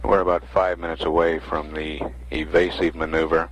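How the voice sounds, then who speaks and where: An American man giving measured status commentary as a mission control announcer, reading out figures. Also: extremely low pitch, little pitch movement, low-quality recording.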